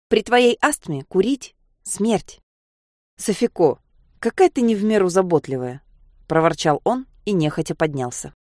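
Low-voiced woman reading a story aloud. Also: dry recording, clean studio sound. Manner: acts out the dialogue with lively shouts. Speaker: narrator. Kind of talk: first-person audiobook reading.

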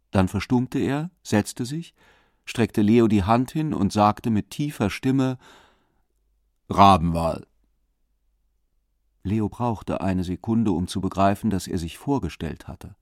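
A man's voice: fairly low pitch, a little mellow, dry recording, studio quality. A man reading an audiobook aloud as scripted narration, voicing the dialogue with shifts in his voice.

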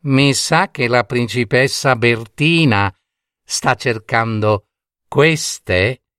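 A man voicing a cruel wicked witch queen in a fairy tale, shrill, mocking and cackling. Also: drawn-out words, a bit bright, clear, resonant tone, no echo, clean studio sound. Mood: sly.

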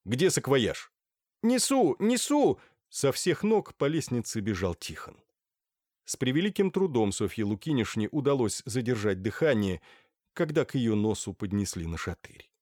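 A man reading a novel aloud as an expressive audiobook narrator, voicing each character. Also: lowish voice, moderate pace, no room sound, clean studio sound. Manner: animated, voices each character. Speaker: audiobook reader.

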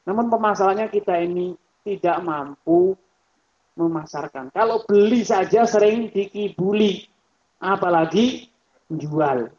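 A man giving a religious study lecture on economics. He talks in a lively, rhetorical way, addresses his listeners directly, and mimics the people he quotes. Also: sits high, unhurried, pauses often, slightly rough. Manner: mimics other people's voices when quoting them. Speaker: Islamic scholar and lecturer. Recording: muffled lo-fi lecture recording.

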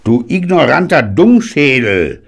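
A man's voice: low voice, lively intonation, normal speed, darkish tone, exaggerated voice. A man reading an audiobook and voicing a cantankerous, scornful 99-year-old grandfather. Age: older. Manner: gruff, scornful, blustering.

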